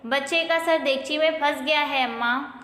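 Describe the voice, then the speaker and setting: A woman's voice: sits high, normal speed, bright, forceful tone. A woman voicing a flustered, fretful young woman who cries out in distress over a stuck child. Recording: roomy with long reverb.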